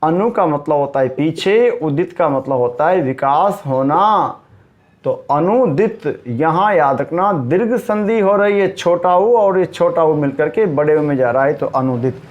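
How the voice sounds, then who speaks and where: This male teacher gives a spoken Hindi grammar lesson in a slow, emphatic, animated high voice, captured with lo-fi sound. Addressing his students directly, he repeats correct word forms slowly and answers his own questions.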